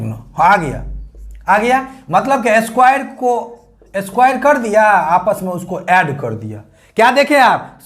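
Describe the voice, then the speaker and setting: A man teaching a reasoning class, coaxing students with questions he answers himself and muttering sums under his breath. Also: sits high. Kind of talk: classroom lecture.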